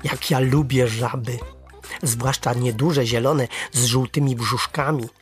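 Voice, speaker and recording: A storyteller reading a first-person children's story aloud with lively, expressive narration. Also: mid-range voice, slightly rough, dry recording.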